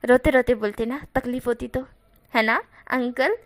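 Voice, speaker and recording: A woman's voice: on the high side, steady tone, normal speed, lightly acted. A woman voicing a cheeky, shameless young man who teases and jokes in a story retelling. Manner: teasing, joking.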